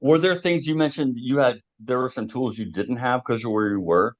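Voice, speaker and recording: A man's voice: mid-range voice, moderate pace. A man co-hosting a casual live show, joking and laughing often, loose and rambling. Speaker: co-host. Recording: dull lo-fi sound.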